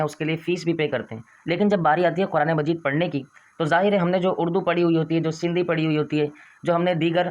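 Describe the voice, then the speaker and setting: A man's voice: fairly high pitch, lo-fi sound. A man teaching an online Quran reading lesson, patiently explaining and repeating letter sounds in an earnest, exhorting manner.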